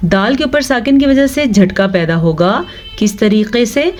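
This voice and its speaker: A woman teaching Quran recitation step by step. She spells out letters and vowel marks syllable by syllable, and she chants the verses slowly. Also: fairly high pitch, expressive, darkish tone, soft background music. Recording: dull lo-fi recording.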